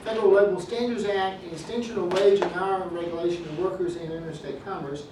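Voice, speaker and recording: A man's voice: high-pitched, steady tone, fairly quick, distant mic, noisy background. Man lecturing in an echoey classroom. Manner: joking, calls on students by name. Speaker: business law professor.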